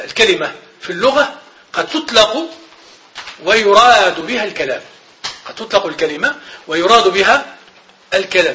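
A man giving a classroom grammar lecture, repeating each definition slowly and checking that students follow. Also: sits high, pushed and bright. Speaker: grammar teacher.

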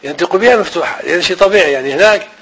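A man teaching an Arabic grammar and Quran reading lesson, repeating each rule slowly and chanting the verses he quotes. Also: high-pitched, fairly bright tone, husky, low-quality recording.

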